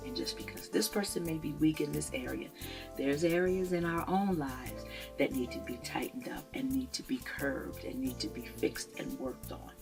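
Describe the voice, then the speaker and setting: A woman's voice: deep voice, moderate pace, vocal fry, music in the background. A middle-aged woman telling a story in an inspirational talk, with an emphatic storytelling manner. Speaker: speaker.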